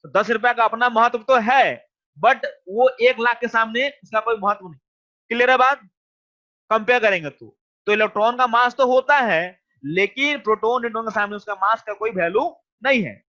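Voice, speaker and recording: A man teaches an online class in a high voice, repeating questions until the students answer. His voice is bright and ringing. The sound is dull and lo-fi. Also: normal speed.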